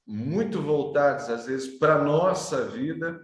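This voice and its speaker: A man's voice: fairly high pitch, lively intonation, slow pace. A man hosting an interview, asking long questions hesitantly with many filler sounds. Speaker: interview host. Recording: roomy echo.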